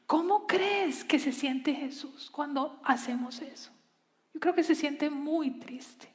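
A woman preaching a sermon in an earnest way, pausing and slowing down to stress her points. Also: high voice, a little mellow, in a large hall. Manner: earnest, pausing, slows for emphasis.

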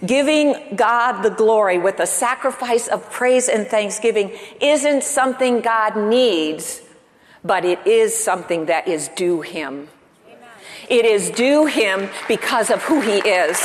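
A woman's voice: mid-range voice, animated, some chatter behind. Woman preaching a sermon in a reverberant hall. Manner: asks the congregation questions and pauses for emphasis. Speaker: pastor.

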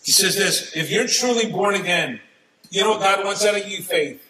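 A man preaches a sermon in a church, addressing the congregation conversationally with sudden emphatic rises and soft, quiet drops. His voice is high-pitched at a moderate pace, and the audio quality is poor.

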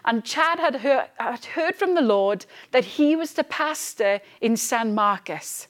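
A woman's voice: a little high, expressive, a little slow. A woman in her thirties, a pastor preaching a fervent, emphatic sermon and repeating phrases for stress. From Wales.

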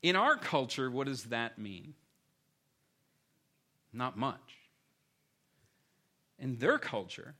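Preaching a sermon, a pastor with a mid-range voice swings between animated emphasis and hushed, earnest stretches.

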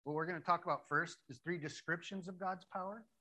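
Guy preaching, bright clear voice, kinda high, gets really animated acting out the story bits. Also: low-quality recording. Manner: animated, acts out the story characters in quick asides. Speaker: pastor. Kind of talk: sermon with Bible story reading.

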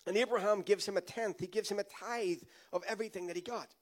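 High-voiced man preaching. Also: fairly even intonation, fast. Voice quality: emphatic preaching with repeated phrases and call-and-response. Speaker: pastor. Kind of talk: sermon.

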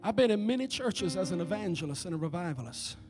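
A man preaching a sermon as an evangelist, in a rhythmic style that swells from hushed lines to shouting. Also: high-pitched, animated, quick pace, over music.

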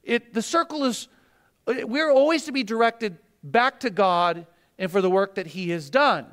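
A man's voice: high voice, lively intonation, a little slow, fairly bright tone. A man pastor preaching a sermon in a conversational way, reading scripture passages with emphasis.

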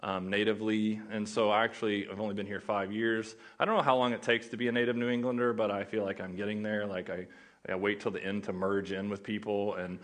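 A young man from Oklahoma talks fast in a lowish voice with little pitch movement while preaching a sermon as a guest pastor. With his Oklahoma accent, he keeps things casual and joking, chatting with the audience.

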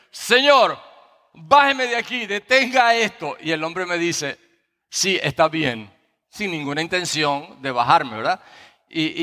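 A pastor delivering a sermon, telling a personal story with frequent tag questions before reading scripture. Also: male voice, on the high side, sharp tone. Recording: long reverb of a large hall.

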